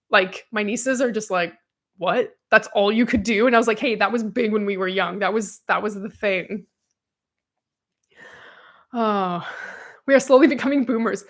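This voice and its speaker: A woman in her thirties co-hosting a podcast, chatting casually and reading viewer comments aloud, animated and quick to laugh. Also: medium pitch. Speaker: podcast co-host.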